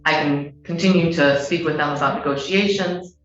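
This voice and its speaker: A woman's voice: deep voice, normal speed. A woman speaking as a lawyer in a courtroom hearing. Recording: echoey, muffled courtroom audio, music underneath. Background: guitar music.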